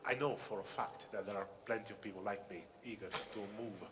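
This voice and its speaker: Italian-accented man, low voice. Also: fairly even intonation, brisk. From Italy. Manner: hesitant, with ums. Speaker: audience member asking a question. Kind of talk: question from the floor. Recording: hall reverb with ambient noise.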